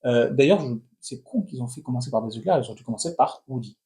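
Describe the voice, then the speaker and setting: Fast-talking opinionated man in his thirties. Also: mid-range voice, lively intonation, a little mellow. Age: 30s. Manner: opinionated, talks in quick restless bursts with many restarts. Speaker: film review host. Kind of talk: casual film critique chat.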